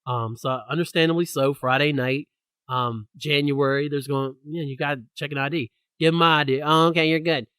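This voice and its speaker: A young man hosting a podcast, telling a story in a lively, ranting way. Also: a little high, a little fast, clean tone, no room sound. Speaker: podcast host. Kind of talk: casual chat.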